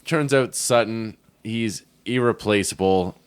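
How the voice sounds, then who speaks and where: A man's voice: fairly low pitch, slow, clean tone. Man casually recapping a movie plot. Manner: recaps the plot, acting out film characters' lines. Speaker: podcast co-host. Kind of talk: casual movie podcast chat.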